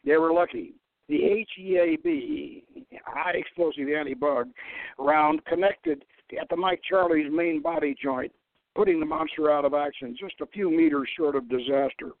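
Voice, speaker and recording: Reading his own satirical sci-fi novel with dramatic flair, the host stumbles now and then and corrects himself. He has a fairly high pitch and a moderate pace, recorded dry, and the sound is a lo-fi, phone-like radio line.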